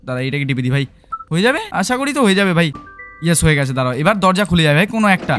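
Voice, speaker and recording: A man with a Bengali accent giving excitable let's-play commentary as a gaming YouTuber, mixing in English phrases and shouting when startled. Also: a little high, rapid-fire, music in the background.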